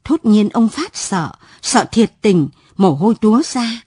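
A woman narrating a late-night radio story in an expressive, dramatic, scripted manner at a studio microphone. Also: mid-range voice, unhurried, husky, dry recording.

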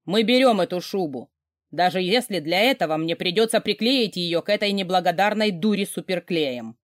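A woman's voice: fairly low pitch, moderate pace, no room sound, clean studio sound, close to an everyday voice. A woman voicing an overbearing wealthy man, a huge mocking boss who barks orders. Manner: gruff, barking, mocking orders.

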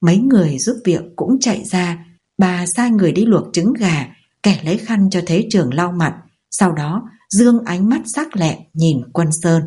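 A woman's voice: fairly low pitch, expressive, normal speed, mellow, slightly rough. A woman narrating a dramatic story in the first person and voicing the dialogue of each character.

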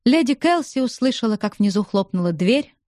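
Female audiobook narrator, even and mellow, recorded dry. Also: fairly high pitch, normal speed, no echo.

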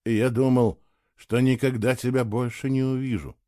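A man voicing a grown man who speaks low and firm, a jealous lover turning tender, in a storybook reading. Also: steady tone, normal speed, warm tone, dry recording, studio quality, close to an everyday voice. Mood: tender, hushed.

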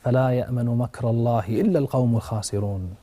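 In a religious talk, a man preaches quickly in a medium-pitched voice with a dark tone. He tells his story with fervor and sharp rises at the dramatic parts, speaking straight to his brothers and sisters in the audience.

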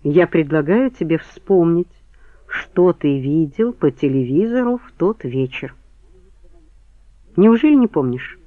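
A man reading the part of a sharp woman who questions her lover in cool, cutting lines. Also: on the high side, animated, a little slow, no echo. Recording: tinny phone-like band, dry.

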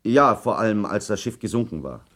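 In a German radio documentary drama, an actor plays a British ship's officer who testifies defensively at an inquiry, answering firmly and formally in clipped phrases with some hesitation. His male voice is on the low side, expressive and fairly bright, a little fast, with a controlled, formal mood.

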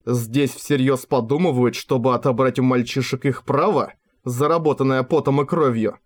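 Guy reading an audiobook, steady storytelling, mid pitch voice. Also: normal speed. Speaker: audiobook narrator. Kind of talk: scripted narration.

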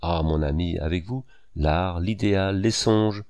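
A man's voice: deep voice, unhurried, a little mellow, no echo, clean studio sound. A man reading aloud, voicing a calculating young woman who speaks with nervous firmness. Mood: musing. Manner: nervous, pleading then cool.

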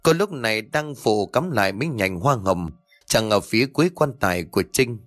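A man narrating a ghost story in a steady, measured storytelling voice. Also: fairly low pitch, no room sound, faint music behind.

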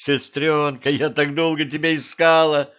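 A man's voice: a little high, flat delivery, unhurried, muffled recording, pitched above the performer's own voice, close to an everyday voice. A man voicing a young female vampire who pleads with her sister in a raised voice. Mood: tearful.

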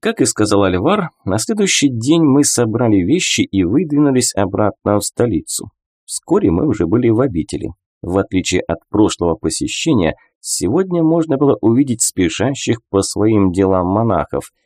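A man narrating a first-person audiobook in an expressive storytelling manner. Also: fairly low pitch, moderate pace, no echo, studio quality.

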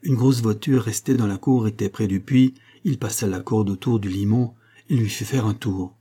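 A man narrating a novel chapter in measured, scripted storytelling. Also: fairly low pitch, dark tone, breathy edge. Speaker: audiobook narrator.

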